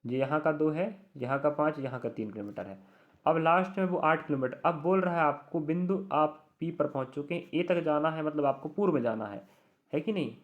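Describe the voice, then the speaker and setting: An exam coaching teacher, a young adult man with a fairly high voice, teaches reasoning online and addresses his students directly. He speaks a little fast, repeats key words, and reassures them constantly. The sound is muffled and lo-fi.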